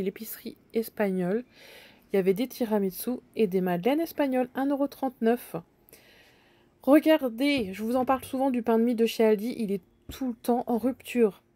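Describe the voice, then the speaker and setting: Chatty woman with a mellow higher voice. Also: no room sound. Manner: chatty, hesitant, thinking aloud with fillers. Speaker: bargain-hunting vlogger. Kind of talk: casual supermarket walkthrough. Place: supermarket aisles.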